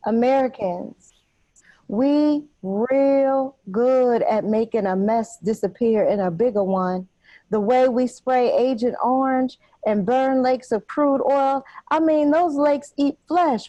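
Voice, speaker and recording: A high-voiced woman delivers a dramatic spoken-word poem with fierce defiance, confronting an unseen officer. Her delivery swings from taunting to low and brooding. The sound is close and dry, with no room around it. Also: warm tone, dry recording, low-quality recording. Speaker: poet reading her work.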